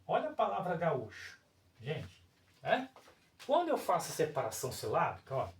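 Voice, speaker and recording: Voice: mid-range voice, wildly swooping pitch, moderate pace, a little hiss or hum. A teacher with a Brazilian Portuguese accent giving a whiteboard grammar lesson, explaining step by step and often checking in with the viewers. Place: room with a whiteboard. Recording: roomy echo, voice far from mic.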